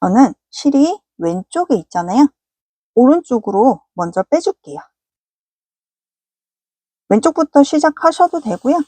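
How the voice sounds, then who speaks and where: A woman's voice: high voice, very animated, unhurried, pauses often, mellow, slightly rough, no room sound. A woman giving a patient, polite step-by-step crochet tutorial. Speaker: crochet instructor.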